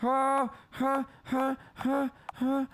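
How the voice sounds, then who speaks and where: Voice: high voice, completely flat delivery, very slow, noisy background. A let's play gamer commenting on a video game, reading the on-screen text aloud and breaking into panicked shrieks and laughter. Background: game music.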